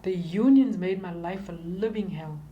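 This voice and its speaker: Older woman, South African accent, mellow and slightly low voice, reflective halting interviewee, faint background noise. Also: highs cut off. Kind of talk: recounting life and work in an interview.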